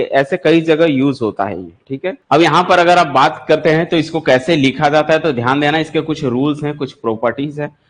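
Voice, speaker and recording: A man teaching maths for exam preparation, explaining step by step and asking his students questions before he answers them. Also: medium pitch. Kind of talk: classroom lecture for exam prep.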